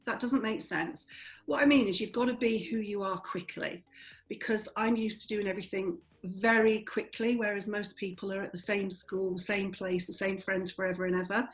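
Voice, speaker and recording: A woman's voice: medium pitch, steady tone, normal speed, rough recording. Blunt, outspoken woman in her forties. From born in Germany, raised in army families. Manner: blunt, outspoken, laughs often. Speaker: property trainer, guest. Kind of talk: candid interview conversation.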